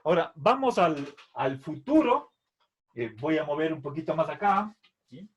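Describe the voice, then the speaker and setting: A man's voice: a little high, expressive, slightly rough, muffled recording. A middle-aged man teaching a Latin grammar lesson, patiently explaining and repeating verb forms, checking in with "¿sí?" after each point. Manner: drills verb forms slowly, syllable by syllable. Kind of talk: slow classroom explanation.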